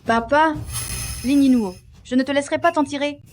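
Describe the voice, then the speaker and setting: A woman's voice: high-pitched, moderate pace, darkish tone, faint music behind, close to an everyday voice. A woman dubbing a devoted young assistant, sounding pleading. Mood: distressed. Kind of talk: French drama dubbing.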